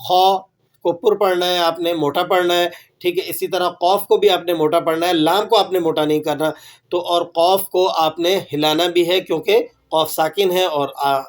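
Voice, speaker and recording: A man with a fairly high voice gives a tajweed lesson on Quran recitation. He explains each rule patiently, poses a question and then answers it himself. He repeats phrases slowly so that learners can echo him.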